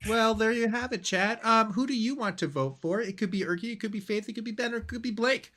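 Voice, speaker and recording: A woman casually hosting a livestream contest, a bit scattered and thinking out loud as she goes. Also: on the high side, fast talker, crowd noise. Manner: scattered, hesitant, thinking aloud.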